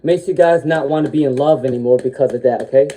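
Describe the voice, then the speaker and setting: Speaking at a quick pace in a medium-pitched voice, a tarot reader does a live-stream reading while battling a cold and sniffling. She fills her speech with "um"s, tags a checking "okay?" onto sentences, and keeps her delivery gentle and reassuring.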